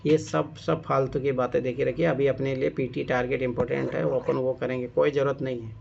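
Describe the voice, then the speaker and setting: A man teaches a casual exam-prep class in a gravelly, mid-range voice with little pitch movement, talking a bit fast over a noisy background. He's emphatic and keeps checking that students follow, repeating "theek hai?" and "samajh mein aaya?". It's a dull lo-fi classroom recording.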